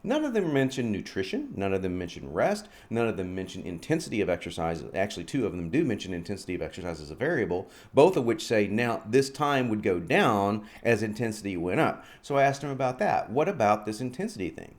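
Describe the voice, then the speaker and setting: A man's voice: lowish voice, brisk, few pauses. A man in his forties vlogging about his fitness program, telling stories and acting out both sides of the conversation. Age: 40s. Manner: animated storyteller, acts out both sides of dialogue. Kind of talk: casual promotional vlog.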